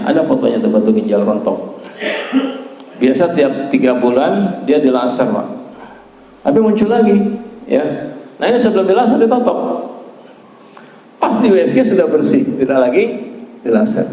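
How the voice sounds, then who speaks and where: A man's voice: on the high side, warm tone. Man teaching a class in an echoey hall. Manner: talks to the class directly, asks them questions and tags many lines with "ya" and "Pak". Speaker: trainer of a back-pressure therapy course. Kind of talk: training lecture to a seated class.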